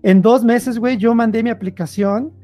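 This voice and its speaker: Mexican-accented man, casual storyteller, mellow voice, lively and full of slang. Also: very high-pitched, normal speed, faint music behind. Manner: slangy, animated, acts out quotes. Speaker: guest.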